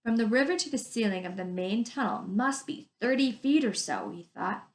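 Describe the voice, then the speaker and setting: Reading a story to children at a moderate pace, this teacher sounds a little high and adds commentary as she goes. Her delivery is lively and emphatic, drawing out descriptive words, in an echoey room.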